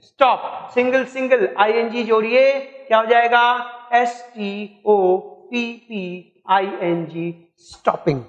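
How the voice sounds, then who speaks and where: A man's voice: high voice, fairly even intonation, takes it slowly, big-room sound, dull audio. A man teaching an English grammar lesson, spelling words out letter by letter and asking and answering his own questions.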